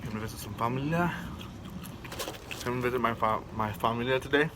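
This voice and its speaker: A man's voice: mid-range voice, fairly quick, noisy background. A man chatting casually to camera as a mukbang host while eating crunchy fried chicken, smacking and savoring with little mms.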